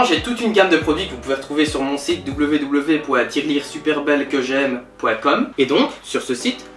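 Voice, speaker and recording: A man playing a boastful billionaire. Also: fairly high pitch. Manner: bragging, self-satisfied, lively storytelling. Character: boastful, pompous male billionaire entrepreneur. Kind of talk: comedy sketch interview. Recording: roomy, distant mic, faint music.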